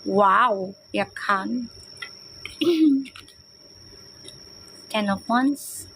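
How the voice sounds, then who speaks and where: A woman's voice: medium pitch, expressive, drawn-out words, creaky, fairly bright tone, slight background noise. A woman gives a casual live tarot reading, chatty and teasing and often breaking into laughter. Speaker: tarot reader on a live stream.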